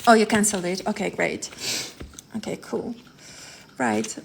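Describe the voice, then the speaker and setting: A woman's voice: mid-range voice, animated, a little slow, vocal fry, a little hiss or hum. A woman, chatting on a live stream as a tarot reader, rambling with many fillers and restarts. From Ukraine. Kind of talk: live-stream chat with viewers.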